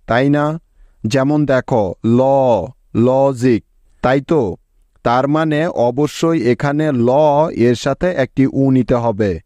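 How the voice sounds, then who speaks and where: Slow, patient male teacher. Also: medium pitch, a little mellow, no room sound. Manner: patient, checks in with learners. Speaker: English reading teacher. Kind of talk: slow step-by-step spelling lesson.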